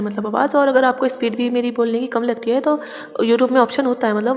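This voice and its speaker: A woman's voice: on the high side, darkish tone, long reverb tail. A woman casually retelling a fan fiction story, talking in a conversational way with many small restarts. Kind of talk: casual story recap narration.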